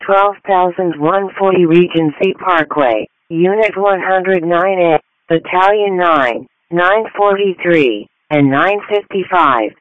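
A man making measured, formulaic emergency dispatcher announcements over a radio. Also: sits high, dry recording, narrow, tinny audio. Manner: measured, formulaic call-outs. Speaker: police and fire dispatcher. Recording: dry emergency radio channel audio.

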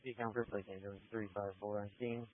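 A man's voice: lowish voice, little pitch movement, fast, dry recording. A man on an ambulance crew giving formulaic status reports over the radio. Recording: narrowband ambulance radio transmission.

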